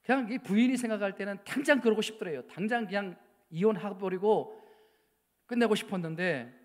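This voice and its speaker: A man, a pastor, preaching a sermon with emotional storytelling that swings from hushed to loud emphatic outbursts, asking the congregation rhetorical questions. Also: high-pitched, fairly quick. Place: church sanctuary. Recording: long church hall reverb.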